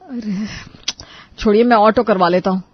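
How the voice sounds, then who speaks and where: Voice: mid-range voice, steady tone, slightly rough, no room sound, muffled recording, close to an everyday voice. A performer voicing an impatient young adult son in a cartoon story, talking in a hurry. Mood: hurried. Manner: hurried, pleading.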